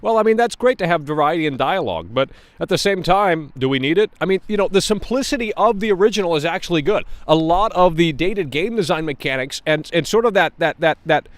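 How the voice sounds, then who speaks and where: A man's voice: on the high side, expressive, fast, few pauses, no room sound. A man hosting a livestream, giving casual, opinionated game commentary in an exasperated, blunt and sweary way. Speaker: livestream host.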